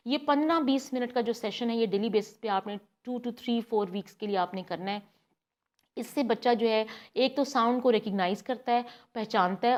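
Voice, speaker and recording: A woman, guiding parents step by step and demonstrating words slowly. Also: fairly high pitch. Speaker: speech therapy guide for parents. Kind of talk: instructional demonstration.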